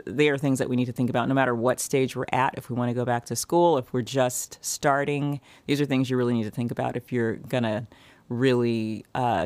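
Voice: medium pitch, no room sound. Upbeat chatty podcast host, dry sound. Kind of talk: podcast intro and interview.

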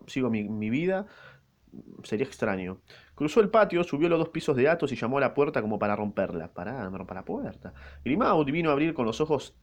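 A man with an Argentine accent reading a novel aloud casually, breaking in with slangy jokes. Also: medium pitch. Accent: Argentine Rioplatense Spanish. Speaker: reader of a novel. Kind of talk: casual read-aloud with comments.

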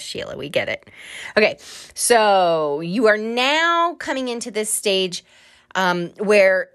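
A woman hosting a casual solo podcast as an energy healer, talking in a chatty, earnest, encouraging way and laughing at herself now and then. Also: medium pitch. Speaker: podcast host and Reiki healer.

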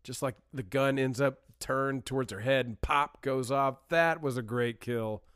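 Guy cohosting a podcast, mid voice, excited, dry close sound. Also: mid-range voice, measured pace, clear, resonant tone, no room sound. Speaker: podcast co-host. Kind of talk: casual chat.

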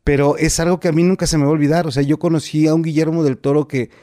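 A man in his forties with a Mexican accent, an actor telling stories in a relaxed interview, full of fillers and repeats. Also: on the high side, racing, dry recording, clean studio sound. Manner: colloquial, many fillers and repeats. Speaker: actor guest. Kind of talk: casual interview storytelling.

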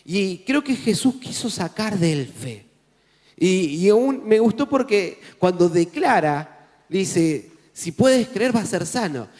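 Rioplatense pastor guy preaching, high voice that jumps around a lot, echoey hall, soft music behind. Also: slow pace. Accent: Rioplatense Spanish. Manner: animated, conversational preaching with jokes. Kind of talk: sermon.

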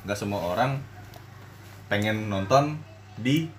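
A man co-hosting a casual group chat podcast, teasing and quick with retorts. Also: lowish voice, slight background noise. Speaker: podcast co-host.

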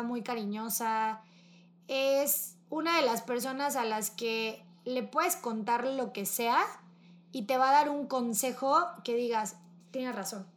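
A young woman with a Mexican accent, talking casually and warmly about her best friend, heavy on slang and fillers. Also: on the high side. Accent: Mexican Spanish. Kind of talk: casual emotional chat with a friend.

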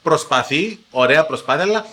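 A young man speaking Greek with a broad Paphos Cypriot accent, his voice bright and forward. He tells his career story as a podcast guest, leaning on words and swinging up and down as he goes. It sounds like relaxed, friendly conversation. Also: a little high. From Paphos, Cyprus. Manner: animated, emphatic storytelling. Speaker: TV journalist guest. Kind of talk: casual podcast interview.

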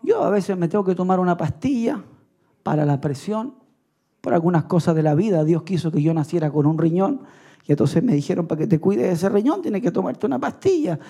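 A middle-aged man delivers a church sermon in a raised, mellow voice. He tells his own story earnestly, slipping in small chuckles and asides to the congregation. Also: high-pitched, animated, brisk. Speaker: pastor. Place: evening church service.

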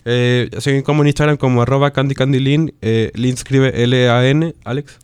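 A man hosting a radio show, briskly wrapping up the segment. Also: medium pitch, steady tone, a little mellow, smooth, no echo, clean studio sound. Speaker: radio host. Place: radio studio.

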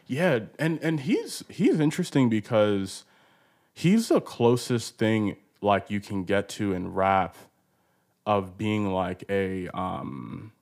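A man's voice: on the low side, big pitch swings, slow, a little mellow. A man in his twenties hosting a podcast, chatty and loose, with frequent "like"s and casual swearing. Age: 20s. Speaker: podcast host. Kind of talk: casual interview chat.

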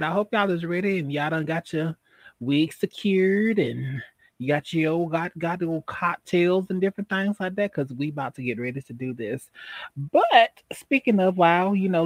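A man's voice: a little high, no echo. A man with an American accent chatting casually on a live stream as guest co-host, with sassy, campy, folksy drag queen banter.

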